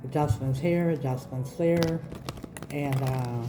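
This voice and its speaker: A woman giving an unhurried, earnest spiritual card reading to online viewers, her speech slightly slurred and slushy as she recovers from mouth surgery. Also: very deep voice. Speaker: tarot reader, channel host. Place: indoors in an echoey room. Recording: roomy echo, background noise.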